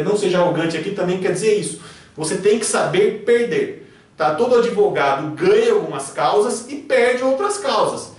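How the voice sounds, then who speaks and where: A man's voice: high voice, distant mic. Brazilian male lawyer, didactic tutor tone, recorded off-mic in a very reverberant room. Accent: Brazilian Portuguese. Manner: didactic, keeps checking in with short tags. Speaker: criminal defense lawyer. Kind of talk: spoken tutorial.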